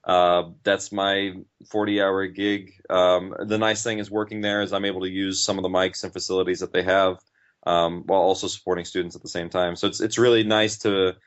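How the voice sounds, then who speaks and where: A man who writes and directs podcasts talks briskly in a low, flat-pitched voice, rambling with informal enthusiasm as an interview guest. The sound is dull and lo-fi.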